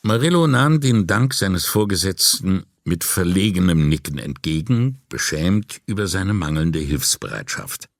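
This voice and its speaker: Deep-voiced man reading an audiobook. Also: sing-song, measured pace, few pauses, no echo, studio quality. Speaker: audiobook narrator. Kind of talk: scripted narration.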